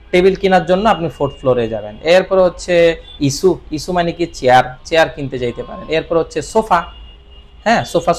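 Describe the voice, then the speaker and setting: Man, tutor, casual lesson, repeats each word, slow stretched words, slightly high pitch. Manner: repeats words with quiz questions; draws out words slowly. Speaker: Japanese language teacher. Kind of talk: explanatory lesson.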